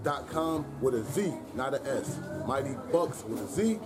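A man from New Jersey who owns a clothing brand and pitches it confidently, spelling out details with care. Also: lively intonation, normal speed, over loud music. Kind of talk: promotional pitch.

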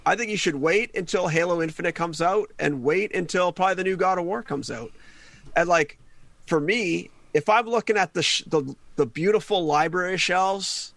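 A man's voice: sits high, normal speed, creaky, fairly bright tone, no room sound. A man co-hosting a gaming podcast, laid-back and opinionated, laughing easily. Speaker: podcast co-host. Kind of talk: casual chat.

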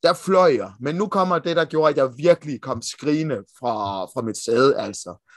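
A Danish man co-hosting a podcast in casual chat, excitable and swearing freely as he gushes about comic lore. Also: on the high side, no echo, clean studio sound. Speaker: podcast co-host.

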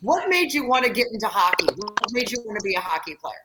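Lively woman host over loud noise. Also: mid-range voice, fast talker. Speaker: show host. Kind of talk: hosting an interview.

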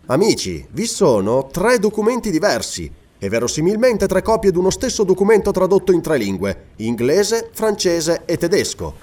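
A man voicing a calm, authoritative noble lord leading a careful investigation in a read-aloud novel. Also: high-pitched, normal speed, few pauses, pitched above the performer's own voice. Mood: methodical. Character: calm authoritative Scottish lord, methodical leader.

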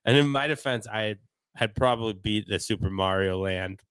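A young man on a podcast telling a story in a relaxed, casual way, often laughing. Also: fairly low pitch, normal speed, clean tone, no room sound. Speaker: podcast co-host. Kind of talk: casual chat.

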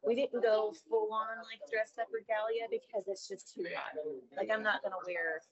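A woman's voice: a little high, fairly even intonation, moderate pace. A woman co-hosting a podcast, chatting in an upbeat, nerdy way. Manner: chatty and upbeat, calls herself a nerd. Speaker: podcast co-host. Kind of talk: casual chat. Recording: dull lo-fi sound.

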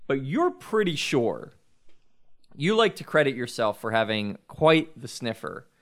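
A man narrating a tabletop role-playing game as game master, in a loose, halting way with many fillers and restarts. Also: mid-range voice, sing-song.

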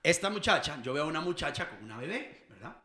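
A man with a Costa Rican accent co-hosting a casual talk show, telling animated stories and acting out quoted dialogue. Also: a little high, quick pace, a crowd in the background. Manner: animated storyteller who acts out quoted dialogue. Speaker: co-host. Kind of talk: casual chat, storytelling.

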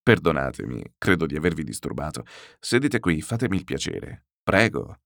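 A man's voice: extremely low pitch, sing-song, normal speed, vocal fry, fairly bright tone, no echo, clean studio sound, pitched below the performer's own voice, exaggerated voice. A man doing a stubborn bearlike landowner. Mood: insistent. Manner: blunt, insistent bargaining. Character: burly stubborn bear-like male landowner, haggling.

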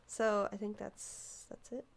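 A woman co-hosting a podcast, telling a disturbing story in a casual, animated way, stumbling over words and acting out quotes. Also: mid-range voice, slow, creaky, over a noisy crowd.

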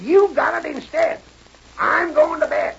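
A man's voice: very high voice, a little slow, vocal fry, a bit bright, heavily acted. An actor playing a cantankerous, blustering old father with a cracked voice in a 1930s radio Western. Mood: grumbling. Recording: muffled 1930s radio recording.

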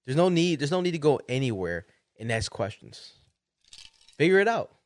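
A man's voice: a little high, very animated, moderate pace. A man co-hosting a podcast, chatting casually and laughing at his own jokes. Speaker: podcast co-host. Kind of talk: casual banter.

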